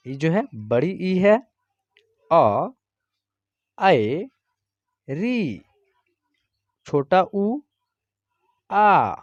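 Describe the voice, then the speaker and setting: Slow, patient Hindi teacher reciting letters. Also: medium pitch, darkish tone, no echo, highs cut off. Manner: patient, repeats "theek hai" and "jo hai" fillers.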